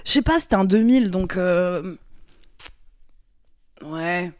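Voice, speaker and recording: A woman's voice: fairly low pitch, expressive, slow pace, darkish tone, no echo. A young woman hosting a podcast, telling a story in a casual, slangy way with lots of fillers and restarts. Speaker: podcast host.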